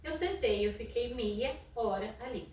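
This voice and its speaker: A Brazilian woman, a psychologist, talking casually about school inclusion in her naturally loud voice. She tells stories and keeps tagging her sentences with "né?". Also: on the high side, unhurried, slight background noise. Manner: storytelling with frequent "né?" tags and soft laughs. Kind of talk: casual educational talk. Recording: echoey room, mic at a distance.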